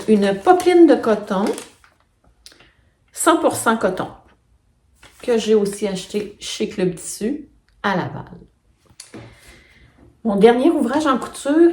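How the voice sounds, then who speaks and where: A woman's voice: on the high side, a little mellow, recorded from a distance. A middle-aged woman with a Quebec French accent, chatting casually as she shows her sewing, explaining step by step with plenty of fillers. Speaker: knitting and sewing vlogger. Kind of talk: casual show-and-tell chat. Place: home, filmed on a phone. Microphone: phone camera set back from her. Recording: echoey room, voice off-mic.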